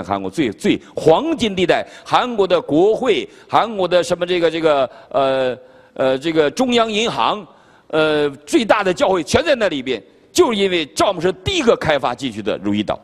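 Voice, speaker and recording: An older man from China preaching a sermon at a conference, telling stories with humor in an animated way. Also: fairly high pitch. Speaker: pastor. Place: conference hall. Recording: reverberant hall.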